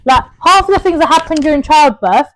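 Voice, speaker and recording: A high-voiced woman chats on a casual podcast, cutting in with questions and going off on tangents. Her voice sits high and dry, close on the mic with little room around it. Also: a little fast, no echo, rough recording. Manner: chatty and animated, jumps in with questions and tangents. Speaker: podcast co-host. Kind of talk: casual chat.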